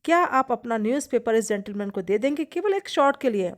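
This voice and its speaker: A woman's voice: on the high side, expressive. A woman teacher, reading a story line by line and explaining each part in Hindi. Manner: reads English lines slowly, then explains in Hindi. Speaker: English teacher.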